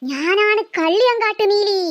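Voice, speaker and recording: A slow, menacing cartoon ghost girl. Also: expressive, highs cut off, heavy background noise. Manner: slow, low, threatening taunts. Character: menacing female ghost who drinks blood. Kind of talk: cartoon voice acting.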